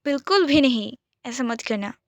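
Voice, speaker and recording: A woman voicing a gentle, teasing young man in a whispered role-play. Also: high-pitched, expressive, moderate pace, dry recording. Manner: soft, whispered.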